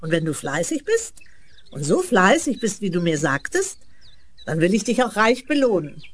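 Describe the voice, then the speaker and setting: A woman's voice: mid-range voice, very animated, moderate pace, natural voice. A woman playing a stern but fair old woman of the fairy tale in a children's radio play. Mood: measured.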